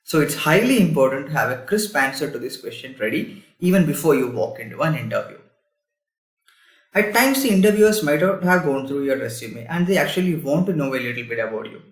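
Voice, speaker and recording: A man giving scripted, step-by-step career advice on job interviews in a measured instructive tone. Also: on the high side, expressive, reverberant.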